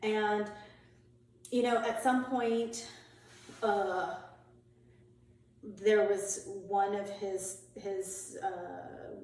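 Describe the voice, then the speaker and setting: A woman guest in a podcast interview, telling a personal story in a candid, chatty way, dropping softer and lower in the painful parts. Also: fairly even intonation, very slow, pauses often, a little hiss or hum. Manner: candid and chatty, with frequent "like" and "you know" fillers. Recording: very echoey room, voice far from the mic.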